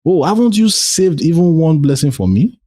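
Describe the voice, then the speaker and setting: A man putting on a high wailing Esau. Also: very animated, unhurried, mellow, slightly rough, dry recording, studio quality, full character voice. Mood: bitter. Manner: high strained pleading cry. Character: desperate wronged young man pleading.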